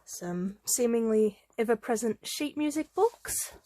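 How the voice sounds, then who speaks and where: Fairly high, expressive and warm, this craft vlogger's voice carries a touch of head-cold congestion as she casually shows her supplies. The show-and-tell is relaxed and chatty, peppered with plenty of ums and uhs.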